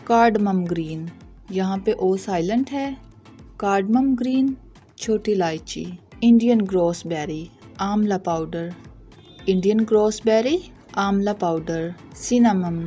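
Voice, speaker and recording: Slow, mellow woman drilling vocabulary words. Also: mid-range voice. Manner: patient, deliberate, corrects pronunciation. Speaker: vocabulary teacher. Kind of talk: slow vocabulary drill, repeating each word.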